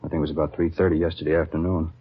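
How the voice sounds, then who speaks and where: This 1950s radio drama features a man as a guarded, plain-spoken patrol officer on the beat, chatting in easygoing, matter-of-fact police slang. His pitch is extremely low and barely moves, his pace races, and the dull, lo-fi old radio audio carries a little hiss or hum.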